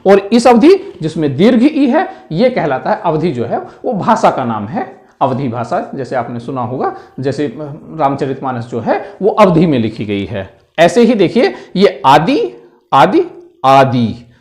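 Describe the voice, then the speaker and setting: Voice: medium pitch, big pitch swings, measured pace, warm tone. A Hindi teacher giving an exam-prep lesson on word pairs, explaining patiently and repeating each word, often checking in with "है ना".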